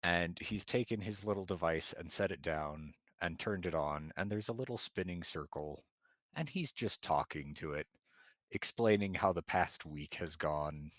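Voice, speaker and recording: A man narrating scenes as game master of a tabletop game, calm and descriptive. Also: low voice, normal speed, dry recording.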